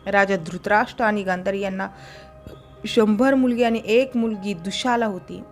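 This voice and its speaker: A woman narrating an old legend at a middle pitch, in a relaxed, chatty storytelling manner. She sometimes stumbles over a word and corrects herself. Soft music plays faintly underneath her voice. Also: moderate pace. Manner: conversational, with small slips and self-corrections.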